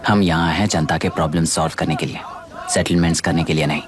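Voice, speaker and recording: A man's voice: rumbling low, fairly even intonation, fast talker, noisy background. An actor dubbing a stern, commanding new district collector who lectures his officers with cold authority. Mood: lecturing. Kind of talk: dubbed film drama. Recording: film soundtrack with loud score.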